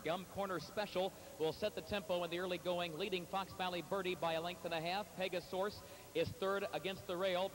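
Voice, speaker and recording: A man announcing a harness race in live commentary over an outdoor track loudspeaker. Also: high-pitched. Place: outdoor fairground racetrack. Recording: echoey outdoor PA, noisy track ambience.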